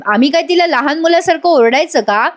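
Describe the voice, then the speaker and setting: A woman's voice: sits high, animated, brisk, voice pushed up. A woman voicing a middle-aged father who speaks with exasperation. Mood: exasperated.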